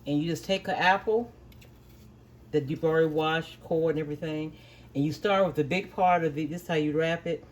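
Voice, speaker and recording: A middle-aged woman's low, steady voice comes through a muffled recording with a little hiss or hum, moving a little fast. She hosts a casual cooking demonstration in her home kitchen, firmly quieting her barking dogs nearby before explaining every step plainly.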